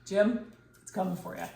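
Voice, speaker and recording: Gushing woman in an echoey kitchen. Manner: enthusiastic, gushing. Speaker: cafe owner and cooking video host. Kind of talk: casual cooking vlog. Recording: echoey room, faint noise.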